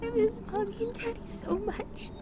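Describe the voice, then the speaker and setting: A woman's voice: extremely high pitch, steady tone, normal speed, heavy background noise. A woman playing a meek, homesick child servant in a drama, timid and plaintive. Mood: exhausted. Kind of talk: dramatic character acting.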